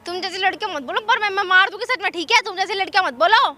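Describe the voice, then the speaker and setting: A woman's voice: very high-pitched, rapid-fire, soft background music. A young woman acting a defiant young wife in a staged drama, snapping and threatening. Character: defiant young wife plotting against her husband. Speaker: young bride in a staged skit. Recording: loud background noise.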